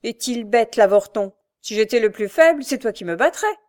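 Female reader playing a loud swaggering brute of a brother, mocking, storybook. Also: a little high, expressive, normal speed, lightly acted. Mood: bullying. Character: brutal big lazy bully brother, man.

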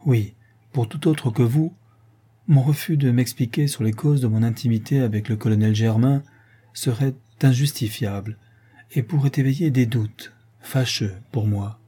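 A steadfast young bride-to-be from a storybook reading, gentle yet unbending in her vows, as a man reads her lines. The voice is mellow and a little husky, unhurried and solemn. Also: mid-range voice, natural voice. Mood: firm, solemn. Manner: soft yet resolute, solemn. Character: young woman, gentle but firm fiancée.

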